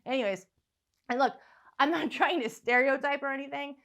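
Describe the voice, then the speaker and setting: A woman's voice: high-pitched, moderate pace, fairly bright tone. Profane, ranting young woman comic. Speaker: stand-up comic. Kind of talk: stand-up practice rant. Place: room at home. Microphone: phone.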